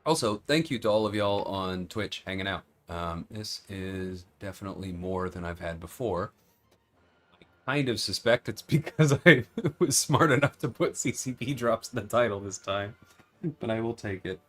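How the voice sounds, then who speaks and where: This game designer hosts a laid-back livestream, answering viewer questions and breaking down mechanics during play. His voice sits on the low side, expressive, at a moderate pace.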